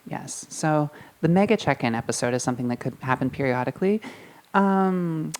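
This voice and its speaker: A woman's voice: sits low, expressive, moderate pace, darkish tone. A woman co-hosting a podcast in casual chat, trading dry, wry quips. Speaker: podcast co-host.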